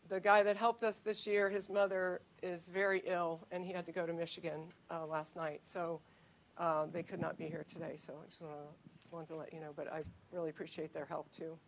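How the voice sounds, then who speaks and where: A woman cross country coach giving a speech at a team event, rambling with many fillers and restarts. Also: fairly low pitch.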